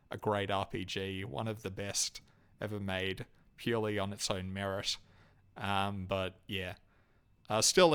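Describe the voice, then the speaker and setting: Young Australian guy, low smooth voice, casual halting commentary with lots of fillers. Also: fairly bright tone. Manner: halting, many ums and uhs, restarts. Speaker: YouTube host ranking game companions.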